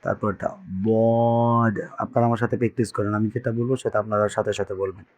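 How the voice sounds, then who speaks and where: A man's voice: on the low side, steady tone, very fast, darkish tone. A man teaching Quran reading to beginners, patiently repeating each letter sound for learners to echo. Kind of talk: teaching Arabic letters with call-and-response drills.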